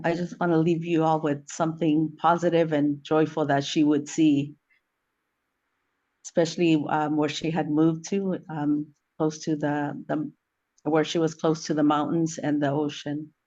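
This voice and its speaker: A woman from El Salvador who grew up in the US speaks as a friend at a memorial, giving an informal, heartfelt tribute. She goes haltingly, often repeating a word or two while searching before moving on. Her voice sits low with a darkish tone, and the audio is dull.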